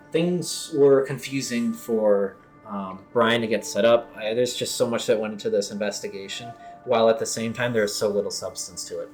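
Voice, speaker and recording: A man co-hosting a casual podcast chat, rambling and often correcting himself mid-sentence. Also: on the low side. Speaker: podcast co-host.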